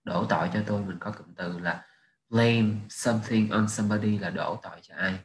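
A man with a fairly low voice explains test answers step by step, reading English phrases. The recording sits in an echoey room with a faint hiss. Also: steady tone, moderate pace. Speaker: English teacher. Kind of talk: exam answer walkthrough.

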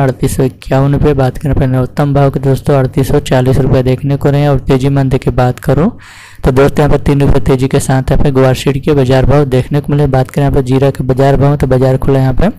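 A man's voice: medium pitch, warm tone, slight background noise, poor audio. A man hosting a channel, reading out market prices to farmers in a repetitive, formulaic way and calling listeners friends. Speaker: commodity price channel host.

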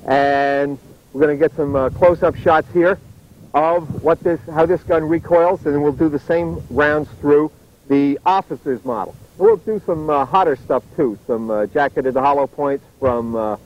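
A man's voice: fairly high pitch, moderate pace. A middle-aged man giving a casual, wry firearms demonstration to camera as a gun writer, rambling like an enthusiast and heavy with jargon. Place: outdoor shooting range. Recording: dull, noisy outdoor video sound.

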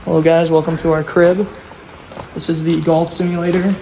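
A man's voice: on the high side, flat delivery, normal speed, dark tone, reverberant, a little hiss or hum, poor audio. A young man joking around and giving a casual tour to a vlog camera. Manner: jokey, playful, tour-guide talk.

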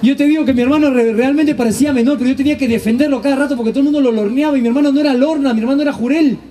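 A man telling stand-up stories on stage, animated, slangy and crude. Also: extremely high pitch, rapid-fire. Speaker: stand-up comedian. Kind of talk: stand-up storytelling. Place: live stage show.

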